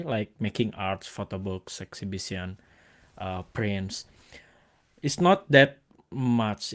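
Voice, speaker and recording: Indonesian guy hosting a chill interview, stops and restarts a lot, lots of "like", middle-pitched voice. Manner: halting, restarts words, many likes and fillers. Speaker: host and photographer. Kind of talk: casual conversational interview.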